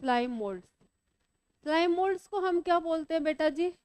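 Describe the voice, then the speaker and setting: A woman's voice: extremely high pitch, expressive, a little fast, a little mellow, no room sound. A woman teaching biology to a class, asking students questions and teasing them as she explains. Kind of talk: classroom lecture.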